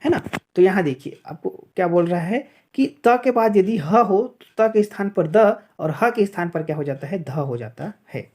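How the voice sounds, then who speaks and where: A woman's voice: fairly low pitch, animated, normal speed, darkish tone, breathy edge. Woman teaching a grammar lesson. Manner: addresses viewers as friends, repeats examples, frequent "thik hai" checks. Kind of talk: exam-prep grammar lesson over slides.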